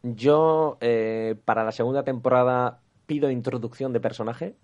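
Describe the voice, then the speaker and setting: A man's voice: mid-range voice, steady tone, moderate pace, a little mellow. A man chatting casually as a podcast co-host, blunt and swearing freely. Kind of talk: casual chat reviewing a TV series. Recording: dull lo-fi sound.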